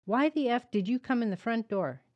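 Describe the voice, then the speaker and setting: A woman voicing an abusive, furious father who shouts harsh insults in a spoken memoir reading. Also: on the high side, lively intonation, fairly quick, muffled recording, pitched above the performer's own voice, close to an everyday voice.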